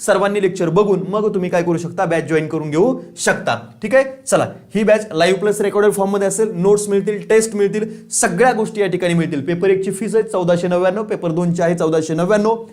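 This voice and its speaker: High-voiced male exam-prep teacher. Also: fast, hardly any pauses, a little mellow. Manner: asks questions and answers them himself; repeats key points, says "lakshat theva". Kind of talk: online exam-prep lecture.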